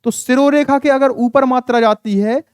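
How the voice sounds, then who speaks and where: A man's voice: very high-pitched, fairly even intonation, normal speed, clean tone, no echo, studio quality. A man teaching a classroom-style grammar lesson at a board. He patiently spells out sounds syllable by syllable, quizzes his students and repeats key words to drill them in.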